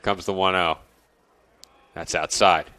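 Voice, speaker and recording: A congested man calling a college baseball game play by play, chatting and joking with his partner between pitches. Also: steady tone, slow, crowd noise. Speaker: play-by-play announcer.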